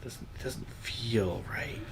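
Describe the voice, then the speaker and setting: A man's voice: slow, a crowd in the background. A young man co-hosting a late-night livestream, chatting casually with many fillers and restarts. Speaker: livestream co-host. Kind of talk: casual chat.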